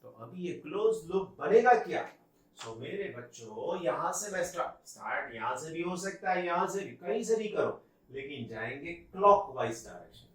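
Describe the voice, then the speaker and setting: A man teaching physics to students, coaxing them along with repeated questions in a lively, animated way. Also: on the high side, moderate pace, distant mic. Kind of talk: classroom lecture. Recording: echoey room, voice off-mic.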